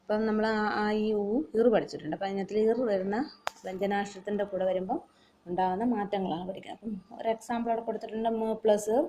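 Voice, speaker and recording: A woman teacher with a Malayali accent giving a recorded online lesson for young children, slowly explaining and repeating words and spellings for them to copy. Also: medium pitch, fairly even intonation, dark tone, slight background noise. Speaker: primary school Hindi teacher.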